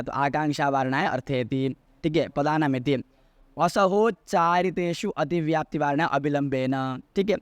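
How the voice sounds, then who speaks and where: A man's voice: a little high, no room sound. Man teaching, dry close sound. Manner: repeats key terms, asks and answers his own questions. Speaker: Sanskrit logic teacher. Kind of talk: explanatory lecture.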